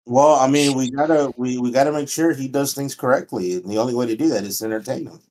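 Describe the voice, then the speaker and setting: A man in laid-back podcast banter who keeps doubting and correcting what the others say. His voice is in an ordinary middle pitch. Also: fast, darkish tone. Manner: skeptical, pokes holes in claims. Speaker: podcast co-host. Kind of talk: casual chat.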